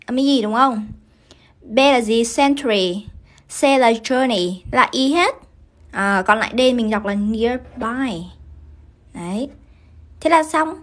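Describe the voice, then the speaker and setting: Vietnamese woman, English teacher on a livestream, high voice, brisk questioning delivery. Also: a bit bright. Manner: brisk, keeps asking students to confirm. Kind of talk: live-streamed grammar lesson.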